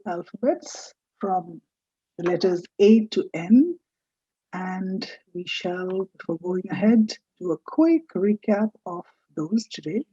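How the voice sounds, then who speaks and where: Slow, mellow-voiced woman teaching French. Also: medium pitch, slightly rough, no room sound, muffled recording. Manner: slow, deliberate, stressing each letter sound. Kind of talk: recorded lecture.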